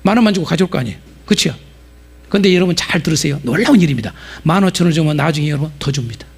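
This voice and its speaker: Lively, gravelly-voiced male preacher. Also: on the high side, rapid-fire. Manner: animated, acts out market sellers with sudden loud outbursts. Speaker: pastor and Bible lecturer. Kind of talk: lively sermon lecture. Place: church.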